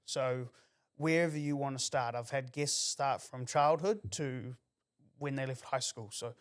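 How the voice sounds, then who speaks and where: Host: New Zealand man, mid-pitched clear voice, chatty rambling interviewer. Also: measured pace. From Auckland, New Zealand. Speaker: podcast host. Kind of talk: casual interview.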